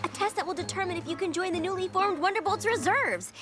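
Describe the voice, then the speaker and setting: A woman's voice: very high-pitched, fast talker. A woman voicing a bookish, fussy young female unicorn in a cartoon, earnest and lecturing, with music behind.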